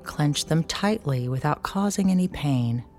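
A woman guiding a sleep relaxation like a sleep story narrator, giving soothing, unhurried instructions with gentle pauses. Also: deep voice, expressive, faint music behind.

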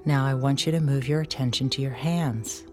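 Low-voiced woman narrating sleep relaxation. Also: soft background music. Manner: soothing, unhurried instructions with gentle pauses. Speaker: relaxation exercise instructor.

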